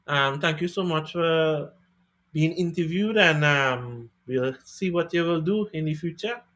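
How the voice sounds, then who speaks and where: A man hosting a music interview podcast, chatting in a relaxed, encouraging way. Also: a little high, measured pace. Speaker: podcast host and DJ. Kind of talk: casual interview chat.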